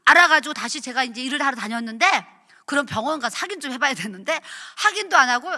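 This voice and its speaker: A middle-aged woman pastor preaching at a revival, telling her own story in an animated, chatty way and acting out quotes. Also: high voice, quick pace. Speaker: pastor, guest revival speaker. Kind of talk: sermon with personal testimony. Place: church sanctuary at a revival meeting. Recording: echoey church hall.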